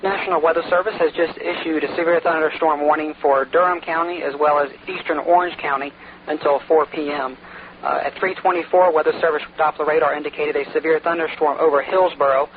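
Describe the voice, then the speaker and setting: A man running a storm-spotter radio net, calling stations and reading weather warnings in brisk procedural radio style with frequent "uh" fillers, heard over a two-way radio with static. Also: a little high. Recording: narrow radio transmission with faint static.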